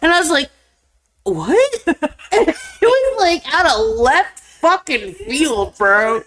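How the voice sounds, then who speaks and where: A woman's voice: sits high, very animated, takes it slowly, a bit bright, a little hiss or hum. A young adult woman hosting a live stream in casual chat, laughing often, swearing freely and telling stories with animation. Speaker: stream host.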